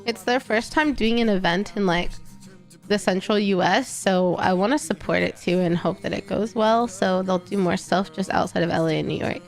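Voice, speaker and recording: A young woman streamer from Texas rambles casually to her live chat, correcting herself as she goes. Her medium-pitched voice is creaky, congested and nasal, moving at a moderate pace over faint music.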